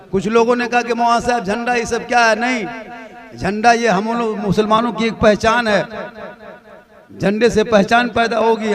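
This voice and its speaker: A male preacher, giving an impassioned rhetorical sermon into a stage microphone that rises to shouting. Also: extremely high pitch. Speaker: Islamic preacher.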